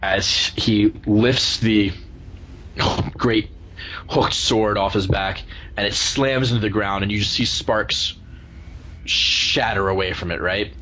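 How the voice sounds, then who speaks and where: A man improvising tabletop game narration as game master, often searching haltingly for his words. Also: lowish voice, bright, forceful tone. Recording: noisy room recording.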